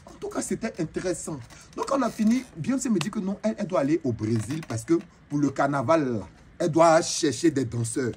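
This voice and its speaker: A man's voice: a little high, expressive, fairly quick, darkish tone, slight background noise, close to an everyday voice. A man with an Ivorian French accent playing a flamboyant, boastful female braider chief who tells comic tales and slips into broken English. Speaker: comedian. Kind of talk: comic monologue in character.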